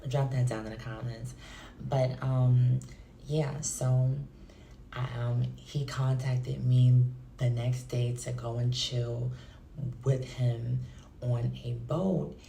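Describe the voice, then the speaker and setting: Woman storyteller, low mellow voice, chatty and confiding, recorded in an echoey room. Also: flat delivery, slow pace, creaky. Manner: chatty, confiding, addresses viewers directly. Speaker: storytime vlogger. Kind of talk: casual storytelling to viewers. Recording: echoey room with faint noise.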